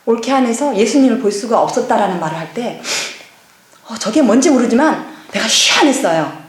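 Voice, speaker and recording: A middle-aged woman, a pastor's wife, giving a lively personal testimony at a church seminar and acting out past conversations. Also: fairly high pitch, fairly quick. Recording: echoey church hall.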